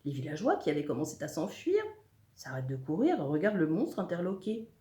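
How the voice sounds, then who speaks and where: A teacher reads a story to children, her voice rising and falling with lively expression. She drops to a hush at tense moments. The room is echoey. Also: low voice, a little fast. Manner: expressive, dropping to a whisper for suspense. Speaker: schoolteacher. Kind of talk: reading a story aloud to children.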